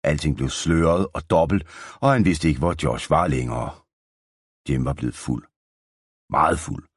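A man narrating an audiobook in a steady storytelling manner. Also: extremely low pitch, breathy edge, no echo. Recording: dry close studio sound.

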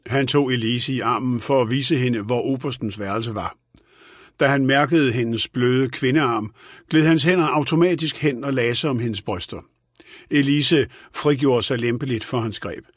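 A man narrating an audiobook in a calm, even reading manner. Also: mid-range voice, no room sound.

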